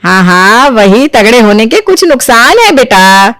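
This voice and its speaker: A woman's voice: a little high, sing-song, unhurried, a bit bright, no room sound. A woman voicing a middle-aged mother in a cartoon who reasons patiently with her son. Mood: coaxing. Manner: coaxing, reasoning.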